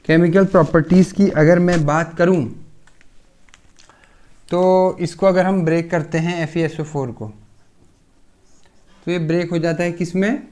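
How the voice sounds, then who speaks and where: A man talks through a pharmacy chemistry lesson in a relaxed classroom way. His voice sits a little high for a man. He poses questions to his students, answers them himself, and keeps checking in as he goes. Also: measured pace, long pauses. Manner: explains step by step, asks and answers his own questions, keeps saying "theek hai". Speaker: pharmacy lecturer. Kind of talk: casual classroom lecture.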